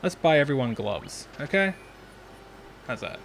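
A man's voice: mid-range voice, very animated, measured pace, gravelly, a little hiss or hum. A young man hosting a let's play, thinking aloud in casual, chatty commentary.

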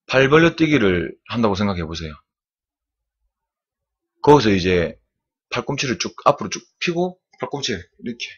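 On a live stream from an indoor room, a swimming instructor, still sweaty from a swim, demonstrates arm strokes and repeats "like this" again and again. His voice is lowish, sing-song and slightly rough, with a moderate pace and long pauses, and the audio sounds dull.

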